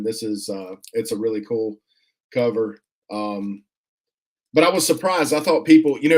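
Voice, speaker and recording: Laid-back guy rambling through an unboxing, um-ing a lot, mid pitch, keeps thanking folks in chat. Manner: relaxed, rambling, many fillers and restarts; friendly, thanks viewers often. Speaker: comic collector vlogger, host. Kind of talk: casual unboxing chat, reading viewer comments.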